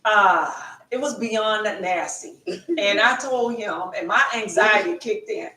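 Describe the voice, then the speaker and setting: A woman's voice: mid-range voice, measured pace, sharp tone. A middle-aged woman co-hosting a casual chat show, rambling and repeating herself as she tells stories. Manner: rambling, repeats phrases, casual Southern-style grammar. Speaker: podcast co-host. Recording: roomy and distant from the mic.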